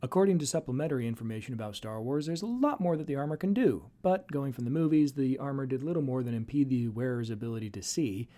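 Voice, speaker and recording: Wry man with a mellow, dark voice. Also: mid-range voice, expressive, quick pace, hardly any pauses. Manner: wry, dryly sardonic asides. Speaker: host and narrator of a video series. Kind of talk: explanatory fan commentary, semi-scripted narration.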